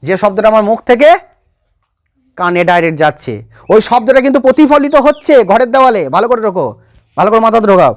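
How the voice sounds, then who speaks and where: High-voiced science teacher lecturing. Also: male voice, expressive, fast talker. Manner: repeats key points and quizzes students. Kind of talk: classroom lecture.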